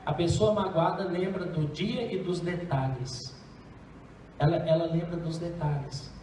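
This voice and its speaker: A Brazilian pastor preaches emphatically in a church sanctuary, putting rhetorical questions to the congregation in Brazilian Portuguese-accented speech. His voice is fairly high, unhurried and darkish, with slight background noise. The mic is distant and the hall echoes.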